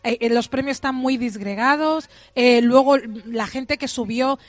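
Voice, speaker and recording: A woman's voice: on the high side, unhurried, no echo. Blunt woman film critic. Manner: blunt, emphatic, frank. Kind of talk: radio talk, opinionated commentary.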